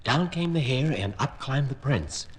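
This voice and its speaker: A man narrating a fairy tale on a vintage children's record in an expressive storytelling voice. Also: mid-range voice, unhurried, rough recording.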